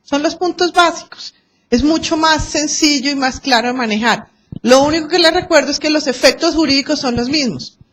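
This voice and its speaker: High-voiced Colombian woman lecturing. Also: moderate pace. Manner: lively, acts out quoted exchanges, tells anecdotes. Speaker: arbitration course lecturer. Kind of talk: lecture to a class.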